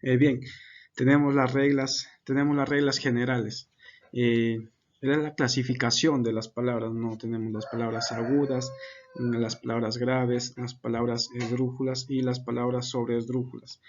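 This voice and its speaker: A man's voice: medium pitch, flat delivery, moderate pace, lo-fi sound, slight background noise. A man giving an unscripted class presentation, hesitant, with many fillers and self-corrections. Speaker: student presenter.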